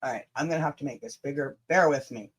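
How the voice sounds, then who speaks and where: Her voice is husky and rumbling low, moving at a quick pace. The Canadian woman runs a livestream, chatting casually and reading emails aloud dramatically with a sweary, blunt, sarcastic edge.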